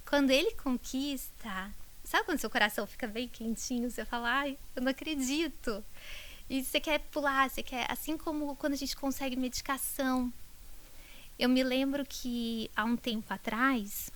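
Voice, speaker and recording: A middle-aged woman doctor talks on a podcast in a rather high voice. She tells her stories with feeling, swinging from bright outbursts down to near whispers. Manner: emotional, animated storytelling that drops to a whisper. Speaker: doctor treating multiple sclerosis patients. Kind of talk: podcast interview storytelling.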